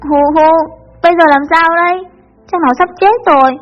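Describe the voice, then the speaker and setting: A woman's voice: extremely high pitch, fairly quick, pitched above the performer's own voice. A woman voicing a panicky teenage boy who sobs and whines as he pleads. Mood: tearful panic. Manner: sobbing, whiny pleading. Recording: muffled with soft background music.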